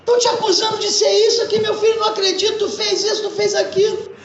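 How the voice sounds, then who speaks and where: A man voicing a worried mother who pleads in a high, frantic voice. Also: steady tone, fast talker, fairly bright tone, reverberant, muffled recording, slight background noise.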